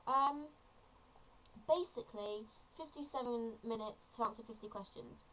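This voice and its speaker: A woman's voice: fairly high pitch, moderate pace, a bit bright, slight background noise, low-quality recording. A seventeen-year-old woman, chatty and earnest, explaining a topic in a casual tutorial vlog. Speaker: vlogger.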